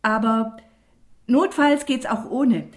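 A woman's voice: fairly high pitch, slow, voice pushed up. A woman reading an audiobook and voicing a curious, earnest young girl asking questions. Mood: earnest questioning. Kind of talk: audiobook character voice.

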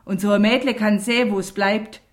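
A woman's voice: low voice, animated, fairly quick. A woman reading an audiobook and voicing a bitter, weary rural mother who scolds sharply. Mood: bitter scolding. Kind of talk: audiobook character voice.

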